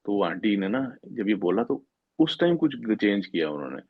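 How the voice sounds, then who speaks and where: A man's voice: fairly low pitch, very animated, moderate pace, no echo. A middle-aged man earnestly retelling a devotional story at a satsang, acting out what people said and slipping into English now and then. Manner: earnest retelling that acts out quoted speech, mixing in English. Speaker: devotee sharing a testimony. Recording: tinny phone-like, dry sound.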